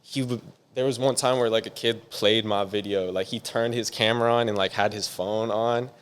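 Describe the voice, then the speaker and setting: Relaxed and meandering, a young San Diego producer answers interview questions with "like" sprinkled everywhere. He speaks on the low side at a moderate pace, with a clean tone.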